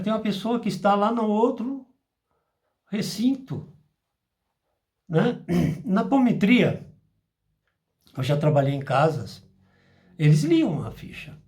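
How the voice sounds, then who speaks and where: A man teaches an informal spiritual class. His voice sits high for a man, and he keeps slipping into short acted exchanges to make his points. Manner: animated, acts out dialogues in asides.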